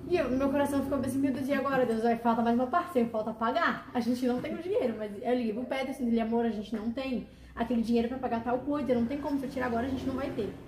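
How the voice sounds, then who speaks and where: A woman telling a personal story in a casual, animated way, acting out the dialogue as she goes. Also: a little high, very fast, few pauses, reverberant, a little hiss or hum. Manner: animated, emotional retelling with quoted dialogue. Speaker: guest telling her testimony.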